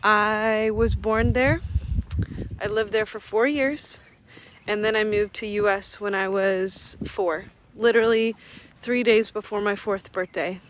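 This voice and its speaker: In a steady, mid-range voice and without hurrying, a young Russian-born vlogger whose native tongue is Russian walks around a campus outdoors chatting with viewers and laughing a lot. The casual walk-and-talk has slight background noise.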